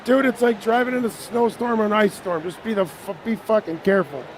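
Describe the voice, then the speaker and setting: Loose, high-voiced man swearing casually. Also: brisk, a little hiss or hum. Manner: loose, candid, swears and laughs easily. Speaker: teammate driver. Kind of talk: casual team chat over voice comms.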